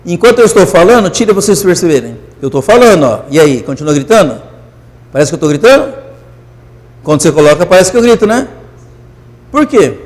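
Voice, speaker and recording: A man teaching physics in a classroom lecture, euphoric and animated, constantly checking that students follow. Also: high-pitched, a little fast, long pauses, long reverb tail.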